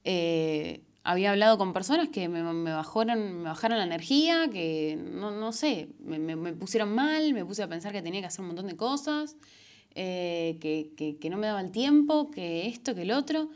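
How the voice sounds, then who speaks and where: In a relaxed advice monologue, a young self-help vlogger with a Rioplatense Spanish accent chats to camera about daily habits, frequently using fillers and correcting herself. She speaks at a normal speed in an expressive, mid-range voice with a darkish tone.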